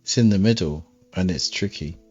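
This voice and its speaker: A man's voice: sits low, moderate pace, darkish tone, breathy edge, soft background music. A man streaming a game, rambling and dry, with self-mocking asides. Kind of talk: live game-stream commentary. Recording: dull, dry stream audio.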